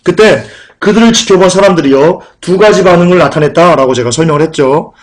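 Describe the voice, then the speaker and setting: A man's voice: fairly high pitch, brisk. A male preacher giving a sermon in an emphatic, combative way, often repeating his key points. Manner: combative, denouncing.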